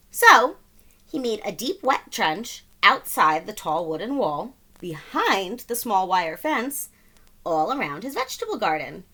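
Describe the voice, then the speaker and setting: Pitched on the high side with a sharp tone, a storybook reader delivers an animated children's read-aloud. She narrates dramatically and emphatically, having fun with sound words.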